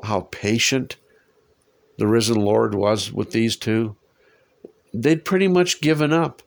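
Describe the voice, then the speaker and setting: A man with a gravelly mid-range voice, fighting a head cold and a lingering cough, teaches a Bible passage conversationally. He is warm and musing, posing rhetorical questions to his listeners.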